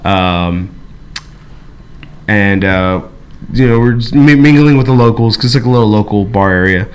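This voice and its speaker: A man's voice: on the low side, moderate pace, clean tone. Rambling, profane man telling a story. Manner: rambling, profane, with many fillers and restarts. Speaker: podcast co-host. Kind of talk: casual storytelling chat.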